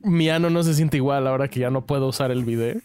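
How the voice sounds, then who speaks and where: A man's voice: medium pitch, quick pace, a little mellow, clear, resonant tone. A man co-hosting a podcast, laid back, frank and funny. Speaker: podcast co-host. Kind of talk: casual chat.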